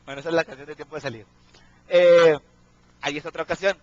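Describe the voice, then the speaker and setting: A man's voice: a little high, fairly even intonation, quick pace, a little mellow, highs cut off. A man preaching a sermon, often asking his congregation questions and checking in with them.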